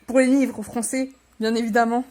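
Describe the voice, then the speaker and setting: Her voice is a little high and darkish, with little pitch movement and a moderate pace. Slightly under the weather, this young vlogger rambles through a casual chat while unboxing books, poking fun at herself along the way.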